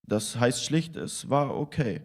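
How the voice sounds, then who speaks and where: A man's voice: medium pitch, animated, slow. A man reading the lines of a young Hungarian chauffeur who answers tersely and guardedly.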